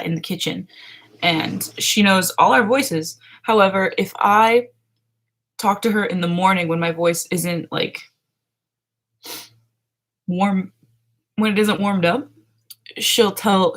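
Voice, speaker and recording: A young woman hosting a morning livestream speaks in a lowish voice, slowly and with long pauses. In her twenties and sitting at a desk in her small bedroom with a webcam framing her, she chats casually with chat readers, laughing frequently and trailing off on fillers.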